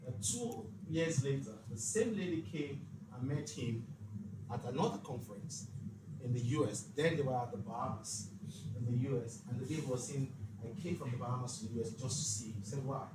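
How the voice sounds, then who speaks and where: A man leading a financial literacy leadership session teaches a live group in a motivational, faith-based talk, preacherly and emphatic, using rhetorical questions and acted-out dialogue. His medium-pitched voice moves fairly quickly. He sounds distant and echoey, recorded in an echoey room on a far-off mic with clear background noise.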